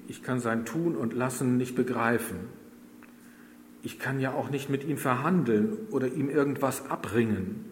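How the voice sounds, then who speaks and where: Slow, earnest preacher in an echoey hall. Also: male voice, mid-range voice, slight background noise. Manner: slow, earnest delivery with long pauses. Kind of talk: sermon.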